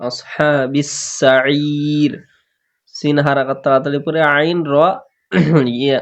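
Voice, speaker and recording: A man teaching Quran recitation rules step by step, slowly drawing out sample words and often clearing his throat. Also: mid-range voice. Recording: dull lo-fi recording.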